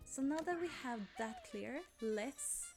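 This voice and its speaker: Speaking a little slowly, this young woman from Sweden has a fairly high, expressive voice with a darkish tone. She chats and rambles over her game for her let's play channel, apologizing often and squealing at cute things, Swedish accent clear and faint game music underneath.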